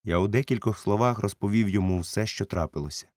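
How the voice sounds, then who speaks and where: Male audiobook reader, calm lowered narration, dry close sound. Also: quick pace, dry recording. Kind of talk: storybook narration.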